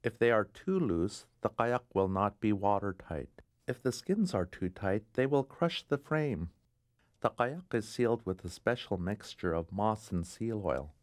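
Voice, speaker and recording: A man reading scripted documentary narration in a measured, explanatory way. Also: lowish voice, big pitch swings, no echo.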